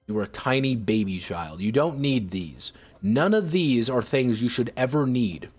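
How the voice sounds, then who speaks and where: A man's voice: medium pitch, a little mellow, husky. A man reviewing tabletop games on a livestream, ranting sarcastically. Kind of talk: livestream game review rant.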